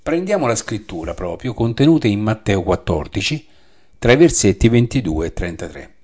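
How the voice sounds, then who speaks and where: A man teaching a Bible study, reading scripture aloud and explaining it in a measured way that repeats the references. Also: on the low side, big pitch swings, a little mellow.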